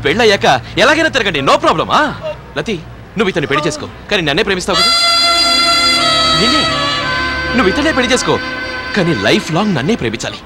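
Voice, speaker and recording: A man's voice: high-pitched, big pitch swings, fast talker, long pauses, over loud music. An actor playing a volatile, obsessive young man who swings from pleading to raging threats in a dubbed film. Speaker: film character.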